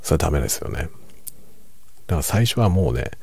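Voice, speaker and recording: A middle-aged man talks softly and casually over a late-night drink. His voice is extremely deep and husky, recorded close and dry. He muses without hurry and gently puts himself down. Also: dry recording. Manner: hushed, unhurried, musing, self-deprecating; relaxed monologue while drinking alcohol. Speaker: streamer.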